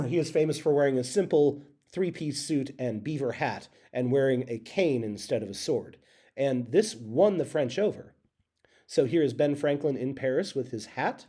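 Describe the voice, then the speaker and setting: A man teaching a history lesson in a casual, halting way, with many fillers and self-corrections. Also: medium pitch, husky. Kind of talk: recorded classroom lecture.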